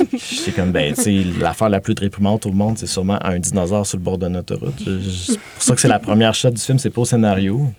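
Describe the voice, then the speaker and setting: A man's voice: on the low side, very animated, fairly quick, crowd noise. A man in his late thirties with a Quebec French accent. He is a film director talking reflectively in a casual interview, stammering and laughing between thoughts. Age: late 30s.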